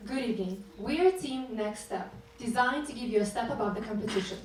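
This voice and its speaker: A woman from Russia giving a measured, earnest scripted presentation as a developer. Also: a little high. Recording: echoey hall mic from a distance, faint hum.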